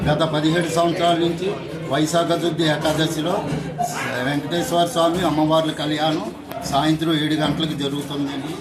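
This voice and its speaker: Formal man speaking over a loud crowd. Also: a little high, roomy sound, low-quality recording. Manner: measured, formal talk with polite endings. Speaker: temple committee member. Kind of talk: interview remarks to a reporter.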